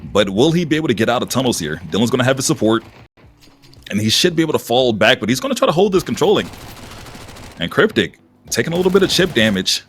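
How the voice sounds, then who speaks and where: A man doing live esports commentary as a caster, lively and husky, with casual asides. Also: medium pitch, quick pace, a little hiss or hum. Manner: animated esports caster delivery. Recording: music behind the voice. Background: music.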